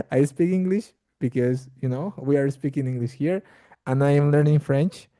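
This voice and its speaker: In studio-quality audio with no room sound, a language exchange participant from Bolivia practices casual conversation. Spanish is his first language; his voice is very dark yet fairly high in pitch, and he talks haltingly, repeating words as he searches.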